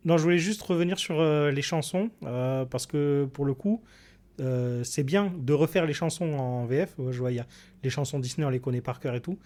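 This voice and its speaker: A man's voice: on the high side, normal speed, darkish tone. A man on a podcast panel, giving his opinions bluntly and with emphasis. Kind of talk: casual debate chat.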